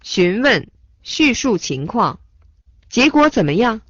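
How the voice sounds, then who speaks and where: A woman reading phrase translations aloud in a language lesson, in a measured, clearly enunciated way. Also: fairly high pitch, sing-song, no room sound. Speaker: phrase reader. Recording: dull lo-fi dry sound.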